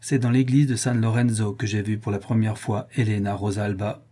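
Man playing a young nobleman on trial, defiant, raised voice, dark husky tone. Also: on the low side, level tone, moderate pace, natural voice. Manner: indignant, pleading, raised voice. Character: young nobleman accused before a tribunal, defiant.

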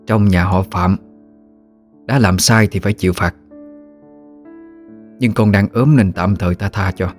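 Commanding elderly matriarch, read by a man in his own low voice, measured and unhurried. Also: soft background music. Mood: stern. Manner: slow, calm, authoritative. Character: stern elderly grandmother, family matriarch.

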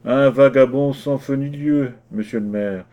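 A man's voice: medium pitch, unhurried, muffled recording, pitched above the performer's own voice, close to an everyday voice. A man voicing an officious gendarme in a storybook reading, speaking in stiff, formal terms. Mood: official. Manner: formal, rule-reciting speech.

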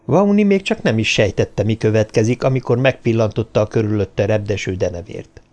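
A man narrating an audiobook in a steady storytelling manner. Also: lowish voice, soft background music. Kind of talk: scripted narration.

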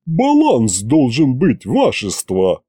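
A man's voice: mid-range voice, huge pitch swings, slow, dark tone, breathy edge, dry recording, full character voice. A man voicing a dry, sarcastic middle-aged woman who is chief accountant at a royal court, in an audiobook. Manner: dry, sardonic.

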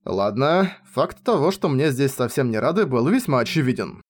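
A man reading a first-person novel aloud with expressive storytelling. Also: mid-range voice, normal speed. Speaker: audiobook reader.

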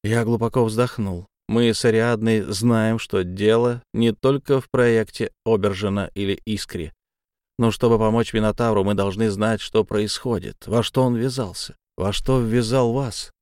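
A man narrating a first-person novel as an audiobook, in a measured, dramatic reading. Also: fairly low pitch, fairly even intonation, a little mellow, clear, resonant tone, dry recording, studio quality.

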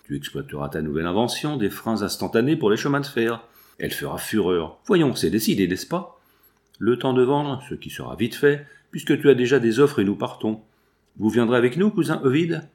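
A man's voice: medium pitch, big pitch swings, a little fast, darkish tone, close to an everyday voice. A man reading aloud and voicing a willful, impetuous eighteen-year-old girl who pleads insistently.

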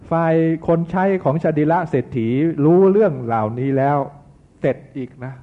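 A Buddhist monk with a slightly high voice speaks in an animated way at a moderate pace, delivering a sermon that retells an old tale. His storytelling is chatty and folksy, packed with asides, and the recording sounds tinny.

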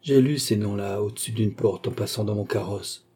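A man's voice: fairly low pitch, moderate pace, dark tone, slightly rough. A man reading a vain courtly cardinal.

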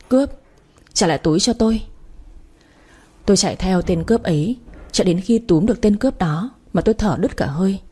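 A woman reading a first-person story aloud in a plain, steady way. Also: lowish voice, breathy edge.

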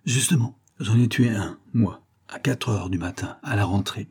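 A man's voice: lowish voice, moderate pace, darkish tone, husky. A man voicing an eager, boastful young farmhand who talks in a rustic way, in a read-aloud storybook. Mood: confiding.

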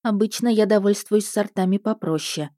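A woman's voice: medium pitch, moderate pace, mellow, dry recording, studio quality. A woman reading a first-person detective story aloud in a wry, matter-of-fact way. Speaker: audiobook narrator. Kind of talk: first-person audiobook narration.

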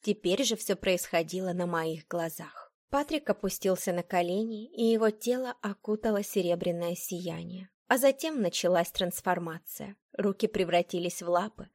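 A woman's voice: lowish voice, no echo, studio quality. Woman narrating a first-person audiobook. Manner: measured, expressive storytelling.

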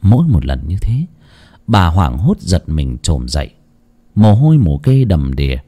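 A man tells a grim horror story with a dark, mellow tone. His delivery is lively and dramatic, sinking to hushed lows and lifting for emphasis. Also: a little slow. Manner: expressive, swings between hushed low and raised tones.

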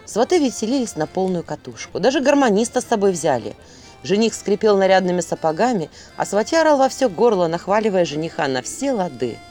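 Animated woman telling a folk tale. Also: mid-range voice, brisk, soft background music. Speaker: storyteller. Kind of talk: expressive folk-tale narration.

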